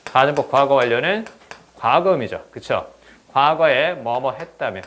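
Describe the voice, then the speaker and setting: A man teaching an exam-prep English grammar lesson, often checking in with the class and reading English examples slowly. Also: medium pitch, a little hiss or hum. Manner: lively, repeats "그쵸?" to check understanding.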